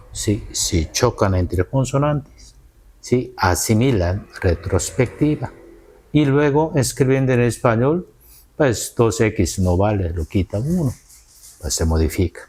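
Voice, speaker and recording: Korean guy, scholar in an interview, talks slow and careful, kinda low voice, keeps tagging "no?". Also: expressive, darkish tone, breathy edge. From South Korea. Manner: halting, careful non-native Spanish with frequent "¿no?" tags. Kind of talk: unscripted interview answers.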